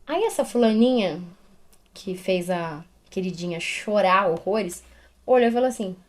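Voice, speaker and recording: A young woman, a preschool teacher co-hosting a podcast, chatting casually and telling animated stories about her pupils. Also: medium pitch, measured pace. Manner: animated storytelling, acting out children's voices. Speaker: podcast co-host. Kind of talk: casual chat.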